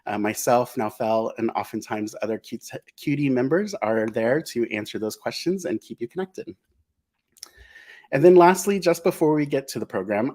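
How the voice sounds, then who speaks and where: A man's voice: fairly low pitch, darkish tone. A man hosting a live-streamed interview, upbeat and effusive, with frequent ums and uhs. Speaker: host.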